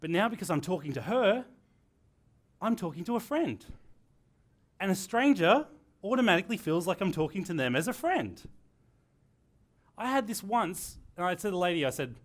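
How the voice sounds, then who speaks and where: Animated man leading a workshop. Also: high-pitched, normal speed, pauses often. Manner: energetic, animated, joking. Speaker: workshop presenter. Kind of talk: live workshop lesson. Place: workshop room with an audience.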